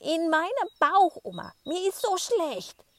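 A woman voicing a whiny little boy who wails and cries out in a high, strained voice. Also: big pitch swings, no room sound, full character voice. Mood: wailing. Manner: wailing, drawn-out cries.

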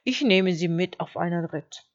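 A woman voicing a sly, hungry male wolf who talks slowly in a deep, lisping, overly polite voice for a storybook reading. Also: highs cut off, natural voice. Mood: suave. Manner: slow, suave, mock-courteous.

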